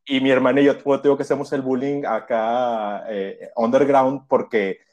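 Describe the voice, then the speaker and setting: Young man, Mexican accent, casual chat, laughs a lot, mid pitch. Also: normal speed. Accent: Mexican Spanish. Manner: laughs often, heavy slang, animated retelling.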